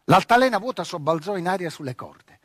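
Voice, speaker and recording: A man narrating a novel in an expressive storytelling manner, close to the mic. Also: high-pitched, brisk, slightly rough, no room sound. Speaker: audiobook reader. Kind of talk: scripted literary narration.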